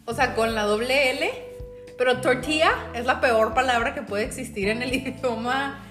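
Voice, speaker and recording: A woman's voice: a little high, moderate pace, a bit bright. Chatty Mexican woman, roomy echo. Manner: chatty, storytelling with filler words. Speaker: podcast co-host. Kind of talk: casual chat. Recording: roomy echo with music behind.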